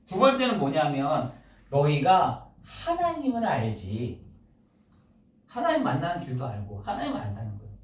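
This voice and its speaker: A man's voice: fairly high pitch, wildly swooping pitch, normal speed. A male pastor preaching a sermon in a church, firing off rhetorical questions and stressing his points. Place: church sanctuary. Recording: echoey church, mic at a distance.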